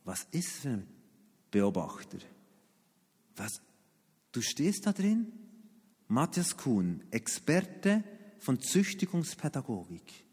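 Middle-aged man, pastor telling lively sermon anecdotes; husky, a bit high, big reverberant hall. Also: slow, pauses often. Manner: animated storytelling with sudden pitch jumps and asides.

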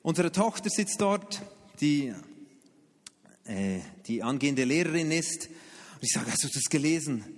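A middle-aged man from Switzerland, a pastor preaching a sermon and telling personal stories with lively jumps in pitch. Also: measured pace, pauses often, big-room sound. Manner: animated storytelling with sudden pitch jumps and asides.

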